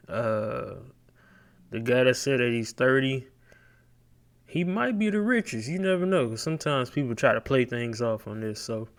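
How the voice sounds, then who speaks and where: A relaxed man reacting to a video and talking straight to his viewers. His voice comes through smooth and clear on a close mic, easygoing and chatty. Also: medium pitch. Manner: laid-back, chatty, with filler words. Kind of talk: casual reaction commentary.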